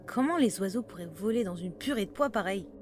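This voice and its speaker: A woman voicing a jumpy female soldier in an amateur horror audio drama, with quick, teasing banter. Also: medium pitch, lively intonation, a little mellow, a little hiss or hum, natural voice. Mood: curious.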